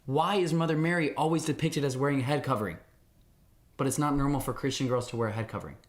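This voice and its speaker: A man's voice: medium pitch, quick pace. Young man, livestream host, casual, rambling, playful, talking to viewers. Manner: rambling, playful, talks to chat.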